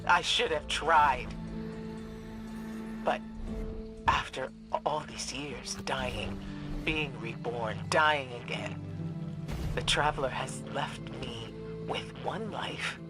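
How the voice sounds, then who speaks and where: A woman voicing Ikora, a weary, wise warrior-mage, in game cutscenes. She speaks in a solemn, measured way and gives firm orders. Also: rumbling low, loud music behind the voice. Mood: grieving. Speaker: game character. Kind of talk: video game cutscene acting. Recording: game mix with loud score.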